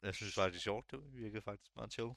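A young man chatting casually on a podcast, relaxed and hesitant, with lots of fillers and restarts. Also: fairly low pitch, vocal fry, no echo, studio quality. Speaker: podcast co-host. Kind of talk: casual chat.

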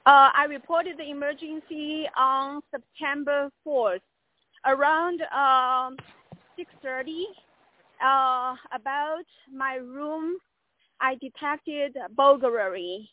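Female caller, high voice, halting unscripted complaint over thin phone audio. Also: dry recording. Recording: tinny dry phone line.

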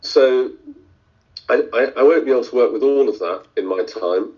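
A man's voice: medium pitch, moderate pace, darkish tone. A middle-aged man from India, a surgeon answering interview questions in a thoughtful way, with many fillers and restarts. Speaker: surgeon guest. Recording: dull lo-fi audio.

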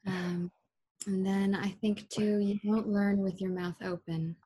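A woman guest in an interview, speaking softly and thoughtfully with frequent pauses. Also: mid-range voice, level tone, breathy edge. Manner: soft-spoken, thoughtful, hesitant. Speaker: interview guest, model and photographer. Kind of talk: casual interview chat.

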